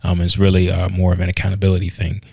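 A man's voice: deep voice, completely flat delivery, fast talker, warm tone, slightly rough, no echo. A man co-hosting a podcast in casual chat, talkative, laughing easily and restarting his sentences often. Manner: chatty, laughs easily, many restarts and fillers. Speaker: podcast co-host.

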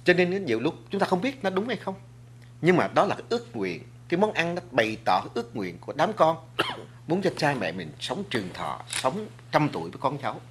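A man's voice: on the high side, big pitch swings, fairly quick, slight background noise. A man speaking as a guest on a talk show, lecturing earnestly to the audience about food and culture, with frequent restarts and filler words. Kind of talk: studio talk show discussion.

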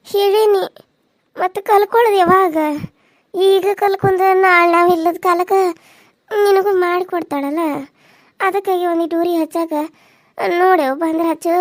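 Cartoon: woman as a high-voiced, nagging old mother-in-law, dry close sound. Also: level tone, moderate pace, pauses often, no room sound. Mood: justifying. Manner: nagging, defensive scolding. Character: older village mother-in-law, nagging but fond of her son.

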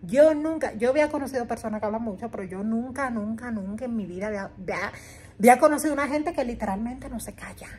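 A woman's voice: on the high side, fast talker, darkish tone, a little hiss or hum. A woman travel vlogger telling a story casually to the camera, emphatic and repeating words for effect, laughing often.

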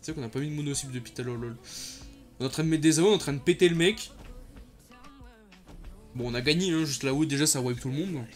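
A young man talks over his gameplay in loose, slang-heavy commentary, breaking into loud excited reactions. His voice sits high for a man. Faint game music plays underneath. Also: fast talker, long pauses. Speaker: gaming YouTuber.

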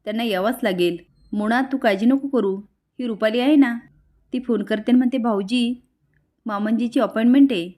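A woman reading the lines of a scheming young sister-in-law in a serial recap, with a cunning, sharp way of speaking. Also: fairly high pitch, normal speed, lightly acted.

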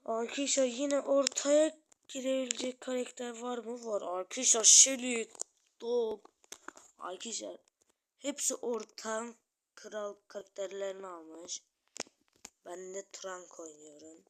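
A woman giving excited live gameplay commentary as a channel host, talking to her viewers and yelling taunts at opponents. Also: a little high, a little slow, a little hiss or hum.

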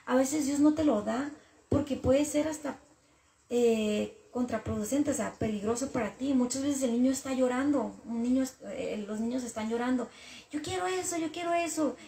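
A woman's voice: a little high, moderate pace, vocal fry, mellow, echoey room. A woman talking earnestly and casually about her faith and her frustrations with God, repeating her points.

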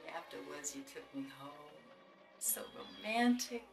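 Old grandmother, dreamy, muddled, slow delivery, faint music behind, horror-comedy film. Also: on the high side, lively intonation, recorded from a distance. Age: older. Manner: drawn-out, dreamy, confused. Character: forgetful, wistful grandmother missing her husband. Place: living room, indoors.

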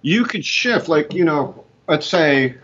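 A man in his sixties, a musician and co-host, talks casually and tells stories on a video call through a headset from home. His voice is on the high side, slow and a bit breathy, animated and chatty with lots of laughter, though the audio is dull.

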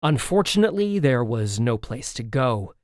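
A man's voice: medium pitch, big pitch swings, normal speed, no echo, clean studio sound. A man reading a children's novel aloud as an audiobook in the first person, telling the story expressively. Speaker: audiobook narrator.

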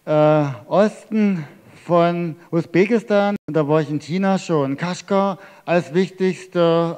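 This middle-aged man from Germany has a high-pitched, smooth voice with a touch of mellowness. Holding a microphone before a live audience, he talks through his cycling travel slideshow in a chatty, explanatory way, his words echoing around the big theatre hall.

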